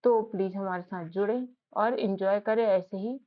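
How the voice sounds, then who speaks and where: A woman's voice: mid-range voice, moderate pace. Patient woman teaching a spelling lesson. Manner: patient, repeats questions to the learner. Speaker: English teacher. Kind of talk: casual spoken lesson. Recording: slightly dull lo-fi audio.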